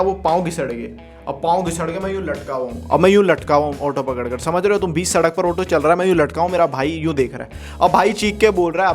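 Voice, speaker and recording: A young man telling a storytime anecdote in a casual, joking way, swearing freely and chuckling as he goes. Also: fairly high pitch. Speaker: storytime vlogger.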